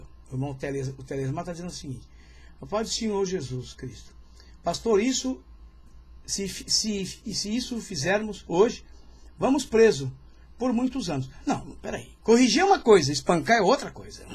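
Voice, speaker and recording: A middle-aged male pastor preaches at a seminar, telling a story in a lively, conversational manner. His voice is somewhat high and husky. He often turns to the audience with a quick "né?" and clears his throat now and then.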